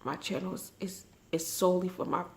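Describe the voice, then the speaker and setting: A woman vlogging in a personal, confessional way, emotional and tearful after crying, speaking haltingly and reflectively. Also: lowish voice, steady tone, a little mellow. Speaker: vlogger and mother. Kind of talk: personal, confessional vlog talk.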